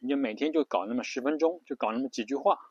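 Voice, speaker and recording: Talking fast in a slightly rough, medium-pitched voice, a male English pronunciation teacher runs a casual spoken lesson. He keeps repeating himself, restarting and using fillers, and spells letters aloud. The audio is dry and dull.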